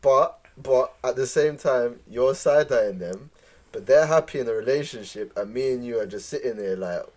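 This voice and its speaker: A man's voice: medium pitch, normal speed, darkish tone. A man with a London accent hosting a podcast in casual, slangy conversational banter. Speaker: podcast host.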